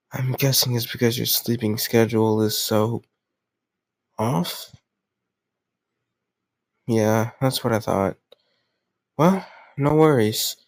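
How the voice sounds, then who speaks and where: A man with a mid-range voice and no echo voices a lovesick kidnapper, possessive yet awkwardly doting, in an intimate audio drama roleplay. He rambles reassuringly right at the listener in a concerned, doting mood.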